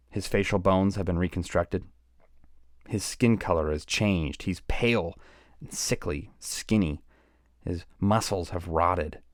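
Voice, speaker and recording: A book channel host with a very low, darkish voice recounts a novel's plot in a grave storytelling style, stressing key words for dramatic effect. The recording is dry, close to the mic, and free of echo.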